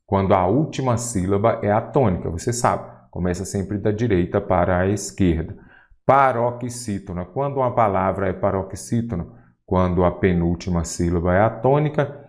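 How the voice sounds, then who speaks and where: A man's voice: low voice, normal speed, a little mellow. A middle-aged man with a Brazilian accent, a Portuguese teacher going through exam questions, asking rhetorical questions and stretching out the answers.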